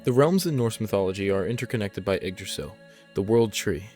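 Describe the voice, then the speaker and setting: A man's voice: on the low side, lively intonation, fairly quick, darkish tone, soft background music. A man delivering scripted explainer narration as the narrator of a video essay.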